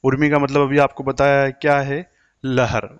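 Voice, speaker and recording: A man's voice: medium pitch, little pitch movement, normal speed, clean tone, no echo, muffled recording. A man teaching an exam-prep grammar lesson, asking questions and answering them himself.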